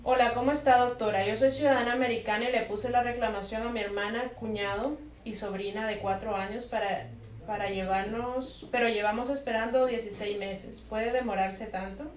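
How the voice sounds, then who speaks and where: A woman's voice: on the high side, steady tone, brisk, slight background noise. A woman co-host reading viewer questions aloud one after another, in a plain, matter-of-fact way. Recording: echoey room, voice a bit distant from the mic.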